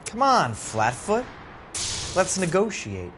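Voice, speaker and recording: An actor playing a crude, threatening 1940s crook, cornered and taunting the police. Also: male voice, sits high, huge pitch swings, slow pace, a bit bright, a little hiss or hum, heavily acted. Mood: menacing.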